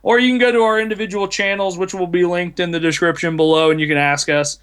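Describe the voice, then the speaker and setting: A man in his twenties, late twenties in fact, from Ireland but raised in the United States, rambles and mocks himself as a podcast host in casual chat. His voice is high, smooth and fairly bright, delivered fast with fairly even intonation.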